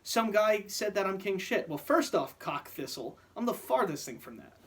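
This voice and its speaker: A man's voice: high-pitched, big pitch swings, moderate pace, fairly bright tone, slight background noise. A man venting in a profane, heated vlog rant, often stammering and restarting his sentences. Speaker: vlogger. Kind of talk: angry rant to camera.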